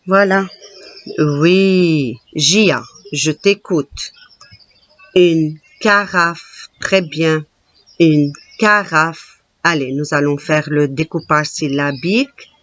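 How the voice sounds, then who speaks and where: Teacher, woman, very slow and patient, counts syllables aloud, dull lo-fi recording. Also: sits low, fairly bright tone, dry recording. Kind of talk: classroom reading lesson.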